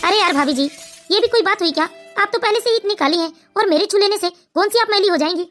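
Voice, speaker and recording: A woman's voice: extremely high pitch, quick pace, fairly bright tone, faint music behind. A woman voicing a smug, mocking young son-in-law in a cartoon family story. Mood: sneering.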